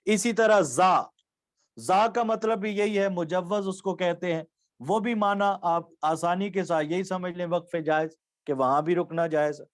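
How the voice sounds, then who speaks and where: A man from Pakistan giving an online lecture as a Quran recitation teacher, explaining rules patiently and repeating key points and examples. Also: high-pitched.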